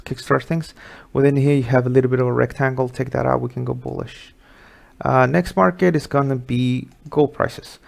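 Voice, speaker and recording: A man's voice: mid-range voice, creaky. A middle-aged man from Sweden hosting a live market webinar, talking casually through charts with many fillers.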